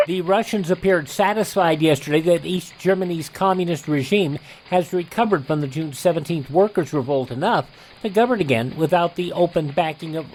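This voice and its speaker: Reading ads and old news headlines from a script, this radio host with an American accent uses a presenter's delivery. His voice is a bit high and darkish. The recording is low quality, with a little hiss or hum.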